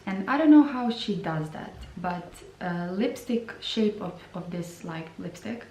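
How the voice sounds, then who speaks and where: A woman reviewing lip products in a slow, hesitant way, often repeating her words. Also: fairly low pitch, lively intonation, mellow. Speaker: beauty vlogger. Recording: roomy sound from a distance.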